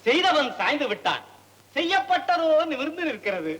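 A man's voice: extremely high pitch, sing-song, normal speed, fairly bright tone, full character voice. An actor playing a pompous male story writer touring old sculptures, speaking in flowery literary phrases. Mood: admiring. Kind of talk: 1960s film comedy acting.

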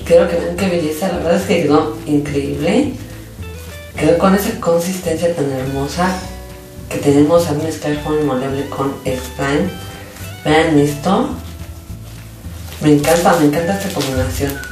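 A woman hosts a casual craft tutorial in an enthusiastic, sing-song way. Her voice sits at a middle pitch. It sounds very echoey and set back from the mic, with clear music behind it. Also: unhurried, pauses often, a little mellow. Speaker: host of a slime craft channel. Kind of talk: casual hands-on craft narration. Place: indoors at a tabletop, hands-only shot. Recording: very echoey room, distant mic, background music.

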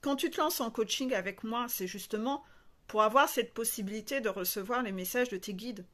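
Her voice sits on the high side, fairly quick and fairly bright. This spiritual coach addresses her viewers in a casual, frank, animated monologue, playing out small scenes along the way.

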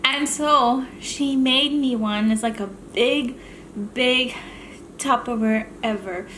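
A woman's voice: sits high, slow, fairly bright tone, slight background noise. A woman hosting a mukbang video, chatting casually and rambling between bites of food. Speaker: mukbang channel host. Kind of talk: casual chat while eating on camera.

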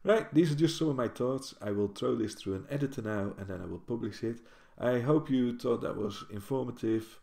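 A warm, creaky, medium-pitched male voice runs a little fast with hardly any pauses. He is a Dutch university librarian, Dutch by first language, rambling to camera in his home kitchen and correcting himself through many restarts. The built-in camera mic at desk distance captures a roomy kitchen echo.

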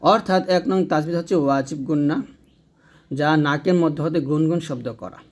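A man's voice: fairly high pitch, fairly quick, a little mellow. A man teaching Quran reading step by step, patiently repeating and demonstrating letter sounds. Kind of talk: step-by-step lesson.

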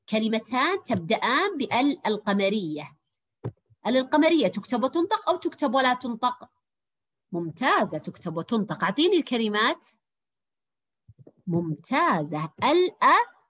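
A woman teaching a lesson to young girls, praising each answer and sounding out words slowly. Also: a little high. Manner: warm praising teacher, drawn-out encouraging words. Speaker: primary school teacher. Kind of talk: online Arabic language lesson for young girls.

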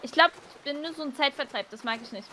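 A woman playing a high, suspicious homeless girl. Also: quick pace, sharp tone. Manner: distrustful, pouty complaining. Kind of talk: game roleplay banter.

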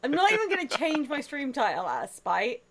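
A woman's voice: high voice, wildly swooping pitch, brisk, crowd noise. Teasing chatty woman streamer. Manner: teasing, chatty, laughs often. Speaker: streamer host. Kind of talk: casual stream chat.

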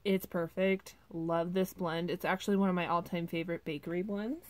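A woman's voice: lowish voice, fairly even intonation, normal speed, a little hiss or hum. A woman vlogger casually reviewing wax melts at home, chatty and gushing, with many ums and likes.

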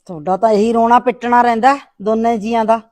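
A scornful, sharp-tongued aunt, played by a woman scolds her family in a high voice. She taunts everyone in her village drama with a Punjabi accent. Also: steady tone, fairly quick, natural voice. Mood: haughty. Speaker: visiting aunt.

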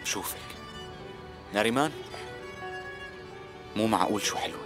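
An actor dubbing a drama in Syrian Arabic, playing a smitten young man who speaks softly and affectionately. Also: on the low side, expressive, normal speed, over music, natural voice. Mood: tender. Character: smitten, wealthier young man courting a woman. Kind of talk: dubbed TV drama.

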